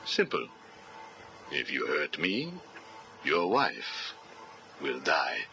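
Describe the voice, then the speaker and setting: A calculating interrogator with a very deep voice that rises and falls as he probes. He sounds clinical and cold. The voice comes through the hiss of a cassette tape. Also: huge pitch swings, extremely slow, creaky, sharp tone, exaggerated voice. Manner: probing, clinical questioning. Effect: played back from a cassette tape recording. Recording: hissy cassette tape playback.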